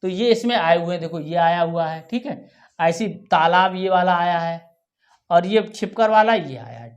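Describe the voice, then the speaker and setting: A woman teacher giving a workbook lesson to young children, saying each word slowly and then repeating it for the class to echo. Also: lowish voice, a little mellow. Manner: talks children through writing tasks, often ending with "ठीक है". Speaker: primary school teacher.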